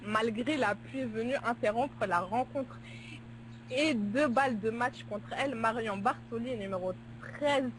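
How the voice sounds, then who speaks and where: A woman's voice: fairly high pitch, unhurried, a little hiss or hum, rough recording. A woman reading a casual sports news flash on web radio, stumbling over foreign names and laughing at herself. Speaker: news reader.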